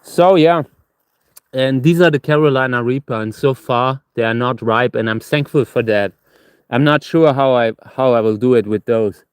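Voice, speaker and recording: A man chatting casually as a livestream host, halting and restarting words, his tongue numb from hot chili so that talking is a struggle. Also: medium pitch, smooth, no room sound. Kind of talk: casual rambling gardening livestream.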